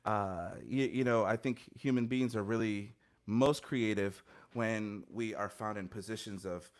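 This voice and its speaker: A thirtysomething musician guest, fairly low-pitched and measured in pace, reflects earnestly on interview questions, often restarting and using fillers. He talks over a video call through a stand-mounted home studio mic with headphones on.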